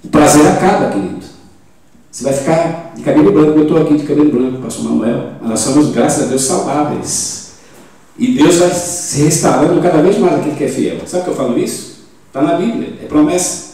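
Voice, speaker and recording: Older man in his 70s, Brazilian accent, fiery sermon, fairly high voice, booming church echo. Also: brisk. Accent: Brazilian Portuguese. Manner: emphatic preaching with sudden loud rises and rhetorical questions. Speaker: pastor. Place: church in Portugal. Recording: very echoey church hall, mic at a distance.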